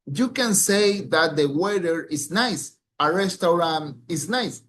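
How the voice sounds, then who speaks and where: A man speaking in a somewhat high voice gives a recited presentation for an English exam. He talks very slowly and carefully, and now and then he stumbles and corrects himself. There is a faint hiss of background noise. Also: lively intonation, a bit bright. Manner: slow, careful delivery with small slips and restarts. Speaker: English language student.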